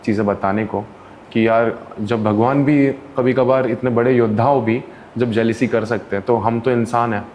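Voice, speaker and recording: A man with a medium-pitched voice talks at a normal pace on a low-quality recording with faint background noise. He's a counsellor appearing as an interview guest, telling stories casually and animatedly, giving the people he quotes their own voices.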